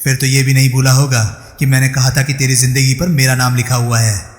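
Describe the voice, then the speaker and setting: Brief: narrator voicing a cold, threatening crook, sneering delivery, roomy reverberant sound. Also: male voice, mid-range voice, little pitch movement, brisk, lightly acted. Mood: menacing. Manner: menacing, sneering. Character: cold ruthless male criminal gang member. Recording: echoey room with long reverb.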